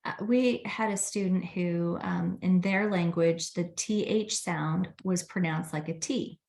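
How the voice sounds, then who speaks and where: A woman guest talking casually in an interview, chatty and animated when retelling conversations. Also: on the low side, unhurried, creaky. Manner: chatty, acts out quoted dialogue with laughs. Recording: roomy echo.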